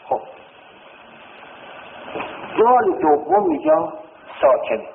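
A male teacher talks through a grammar lesson and recites verb forms one after another, asking his own questions and answering them. His voice is fairly high and very animated, jumping up and dropping low. It sounds tinny and lo-fi, caught with a long, roomy hall reverb. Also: a little hiss or hum. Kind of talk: classroom lesson.

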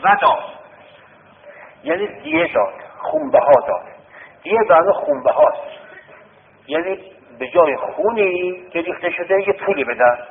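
A man's voice: sits high, big pitch swings, vocal fry, long pauses, slight background noise. A man teaching a classroom lesson, repeating words and quizzing his students over and over. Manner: repetitive, drilling students with questions. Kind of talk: classroom lesson on Arabic word roots. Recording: tinny lo-fi classroom recording with long reverb.

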